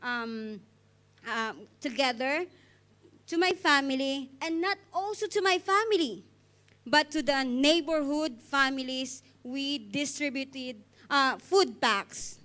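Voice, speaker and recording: Standing on an indoor church stage with a handheld mic, a young woman from the Philippines leads the offering with an earnest devotional talk and prayer. Her voice is high-pitched, bright and forceful, and she takes her time.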